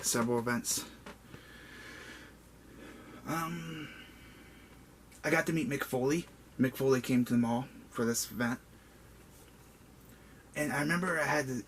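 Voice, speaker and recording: Rambling young man telling a story. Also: mid-range voice. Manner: rambling, with many "like" and "um" fillers. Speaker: vlogger. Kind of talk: casual personal storytelling. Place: indoor room with a buzzing bug. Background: faint background noise and a buzzing bug.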